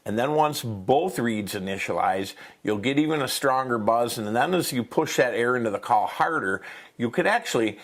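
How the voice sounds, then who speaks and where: A man's voice: medium pitch, lively intonation, normal speed. A man hosting an instructional chat about hunting, explaining things in folksy, informal wording. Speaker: host. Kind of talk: instructional chat on duck calling.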